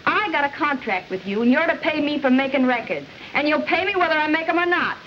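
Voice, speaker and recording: A woman's voice: high-pitched, animated, quick pace. An actress playing a vain young woman singer with a Southern accent and an affected drawl, in 1940s film acting. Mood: indignant. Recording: muffled 1940s film soundtrack with hiss.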